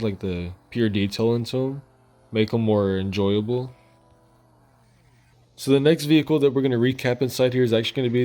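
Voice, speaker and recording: A man's lowish, darkish voice carries this informal gaming news commentary, which wanders loosely and colloquially. He hosts the channel, speaking over gameplay footage with music in the background.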